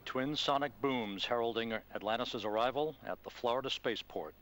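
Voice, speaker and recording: A man giving measured, factual live commentary as a mission announcer, in telegraphic phrases. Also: mid-range voice, fairly bright tone.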